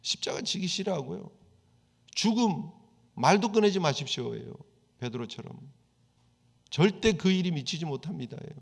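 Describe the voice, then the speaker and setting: A male pastor delivers a sermon in a lifted, somewhat high voice. He talks to the congregation in a conversational way and slips into acted-out voices for quoted prayers. His voice rings with the long reverb of a church hall. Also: creaky.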